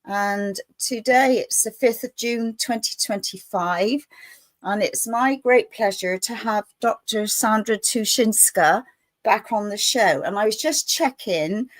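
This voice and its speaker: Woman, show host, chatty, rambling, laughs often. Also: medium pitch. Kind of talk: casual interview chat.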